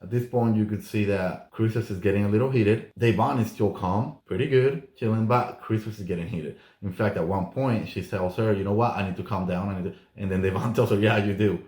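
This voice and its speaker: A man's voice: lowish voice, brisk, hardly any pauses, darkish tone. A man giving a casual, chatty recap commentary as a host, often exclaiming and acting out what others said. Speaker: reality show recap host. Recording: echoey room.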